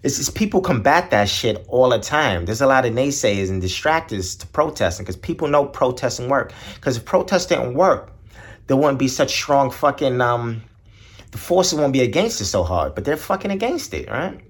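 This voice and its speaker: A man's voice: lively intonation, moderate pace. A man hosting his podcast alone, ranting bluntly with lots of profanity and rambling asides. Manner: blunt, profane, rambling, mimics others in high voices. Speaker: podcast host. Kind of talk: solo casual rant.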